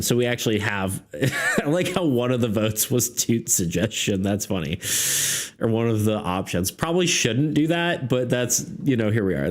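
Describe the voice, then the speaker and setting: A man running a tabletop game on a live stream, rambling casually, laughing often and asking his chat for ideas. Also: on the low side. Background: faint background music.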